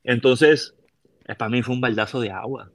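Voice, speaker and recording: A middle-aged man from Puerto Rico with a Puerto Rican Spanish accent, telling a personal story as a podcast guest in a casual, animated way and acting out the voices of people in it. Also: mid-range voice, normal speed.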